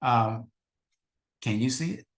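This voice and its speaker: A man's voice: mid-range voice, slow. A man teaching a faith-based marriage class, earnest and repetitive, asking the husbands in the audience rhetorical questions. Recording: echoey room.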